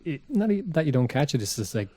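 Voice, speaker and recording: A man on a podcast, giving an articulate, critical opinion in casual chat and pausing to choose his words. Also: a little high, big pitch swings, a little mellow. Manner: articulate, critical, pauses mid-thought.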